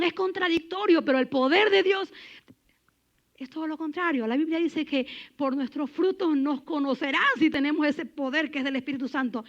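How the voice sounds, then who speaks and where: A woman with a high, lively voice preaches a sermon in church. She is animated and emphatic, dropping now and then to a hushed, close tone. The recording sounds a bit muffled and dull.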